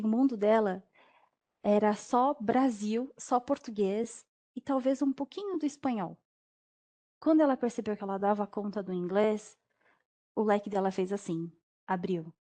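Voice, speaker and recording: A young adult woman, a language teacher, telling a personal story in an interview and acting out the dialogue. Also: mid-range voice. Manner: lively, acts out dialogue with quoted voices.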